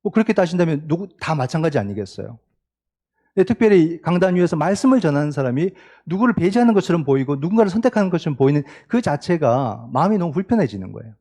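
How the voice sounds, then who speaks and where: A man preaching a sermon as pastor, talking conversationally and asking the congregation rhetorical questions, swinging between loud emphatic peaks and quiet low asides. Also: big pitch swings, fast talker.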